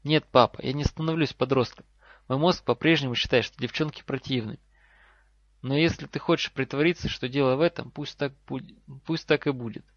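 Мужчина озвучивает умного упрямого мальчика-волшебника, говорит напряжённо и настойчиво; запись сухая, немного глуховатая. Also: male voice, mid-range voice, fairly quick, dry recording, natural voice. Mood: defiant. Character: clever defiant schoolboy wizard. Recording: slightly dull lo-fi recording.

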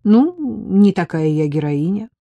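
Woman voicing a patient firm young woman, curt replies, mellow tone, dry close sound. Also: fairly low pitch, measured pace, no room sound, dull audio. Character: calm, stubborn young woman heroine.

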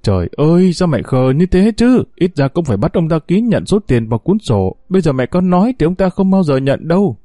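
A man reading a story aloud and voicing a grown son who fires sharp, accusing questions at his mother. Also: mid-range voice, expressive, fairly quick, no room sound, clean studio sound, lightly acted. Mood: pressing.

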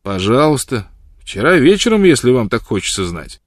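A man playing a gruff, blunt old frontiersman who talks loudly and insistently. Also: mid-range voice, sing-song, moderate pace, dry recording, clean studio sound, voice pushed up.

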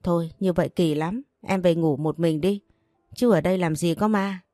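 A woman's voice: lowish voice, moderate pace, warm tone, dry recording, soft background music, lightly acted. A woman voicing a soothing, indulgent young husband. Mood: placating. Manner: soothing and placating. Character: indulgent young husband doting on his sister.

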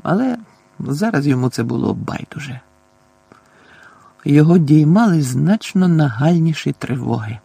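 A man narrating an audiobook in a measured, expressive reading. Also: a little high, creaky, breathy edge, no room sound.

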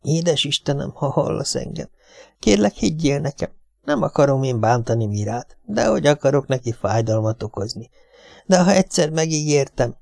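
Man reading as anxious husband, coaxing, gravelly, dry. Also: mid-range voice, a little mellow, no echo. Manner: coaxing, reassuring, plain. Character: nervous, coaxing middle-aged husband.

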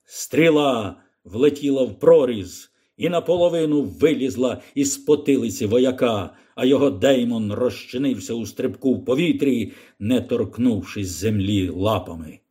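A man narrating an audiobook in a measured, expressive reading. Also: mid-range voice. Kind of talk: scripted narration.

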